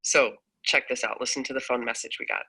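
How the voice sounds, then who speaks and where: A woman's voice: extremely low pitch, fast, breathy edge, poor audio. A woman radio host chatting playfully with her co-host and reading poem lines aloud. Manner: playful, animated.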